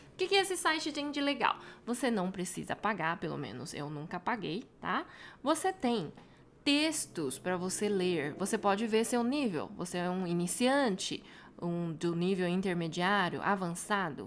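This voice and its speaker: A woman with a Brazilian Portuguese accent, a Mandarin teacher walking viewers through a website in a chatty tutorial, tagging her sentences with quick questions. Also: mid-range voice, a little hiss or hum. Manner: chatty, frequent tag questions. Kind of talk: casual screen-share tutorial.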